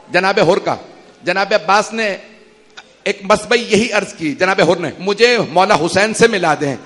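A man's voice: high-pitched, a bit bright. A man preaching at a mourning gathering, telling a lament story in a fervent, declamatory sermon. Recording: long hall reverb.

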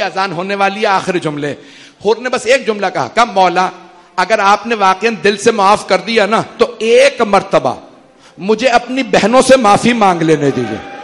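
A man's voice: high voice, a bit bright. A man preaching at a mourning gathering, telling a lament story in a fervent, declamatory sermon. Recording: long hall reverb.

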